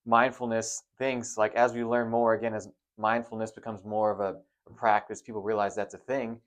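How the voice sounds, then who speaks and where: A man who is a doctor and co-hosts a podcast, explaining things in a relaxed way. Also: on the low side, moderate pace. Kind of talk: casual podcast chat.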